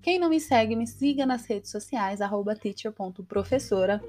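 A woman's voice: mid-range voice, animated, brisk, dark tone, faint music behind. A Brazilian woman with a Brazilian Portuguese accent, hosting a casual English-lesson podcast, tossing in checks like "tá?" as she goes. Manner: chatty, peppers lines with "tá?" and "entendeu?". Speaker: English teacher, podcast host.

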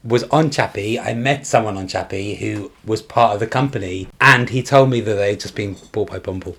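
A British man chatting casually as a podcast co-host, with soft R sounds that come out like w. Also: fairly low pitch, fairly quick, gravelly. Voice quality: can't pronounce R properly, says w for r. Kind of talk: casual chat.

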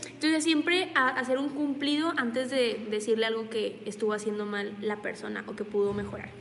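Woman, Mexican accent, high voice, chatty coaching talk, acts out dialogues, echoey room with reverb. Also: fairly even intonation, moderate pace, slight background noise. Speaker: network marketing coach. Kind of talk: motivational talk to camera. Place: at home in pajamas.

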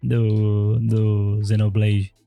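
A man's voice: fairly low pitch, completely flat delivery, very slow, gravelly, dark tone, clear, resonant tone, no echo, soft background music. A man with a Brazilian Portuguese accent chatting casually as a podcast co-host. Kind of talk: casual group podcast chat.

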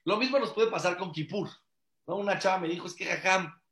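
High-voiced man teaching in echoey room. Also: fairly quick, a bit bright. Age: adult father. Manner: earnest, repeats phrases for emphasis, many rhetorical questions. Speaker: rabbi teaching a class. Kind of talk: conversational religious teaching.

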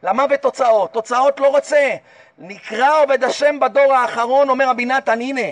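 A man's voice: very high-pitched, fairly even intonation, dry recording, distant mic. A man giving a passionate Torah sermon as a rabbi, urging his listeners on with repeated calls and rhetorical questions. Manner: impassioned, repetitive exhortation with rhetorical questions.

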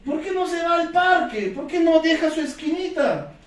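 A man's voice: extremely high pitch, expressive, normal speed, voice pushed up. A man voicing a worried male customer who asks concerned questions. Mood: puzzled. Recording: echoey room, distant mic.

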